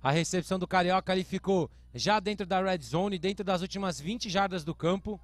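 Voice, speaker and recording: A man's voice: sits high, a little fast, no room sound. A Brazilian man giving live American football play-by-play commentary, explaining calls in short announcer phrases. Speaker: sports commentator.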